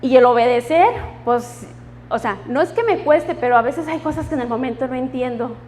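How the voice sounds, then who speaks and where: A woman's voice: high voice, normal speed, a little mellow, long reverb tail, soft background music. A woman giving her personal testimony in church, emotional and laughing often as she quotes the voices of God and friends.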